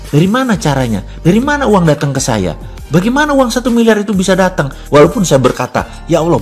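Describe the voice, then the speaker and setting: A man in his fifties from Indonesia, narrating a personal story in a scripted motivational talk with a reflective tone. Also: medium pitch. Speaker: businessman giving a motivational talk.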